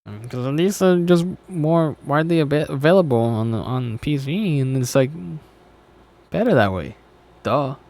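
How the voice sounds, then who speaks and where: A man with an average-pitched voice rants off the cuff as he reacts to a video. He is exasperated and sweary, argues back bluntly, and keeps tripping over his words and restarting. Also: expressive, a little mellow. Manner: exasperated, sweary, argumentative ranting; halting, stumbling over words, self-correcting. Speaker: reaction commentator, gamer. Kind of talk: off-the-cuff ranting commentary on a video.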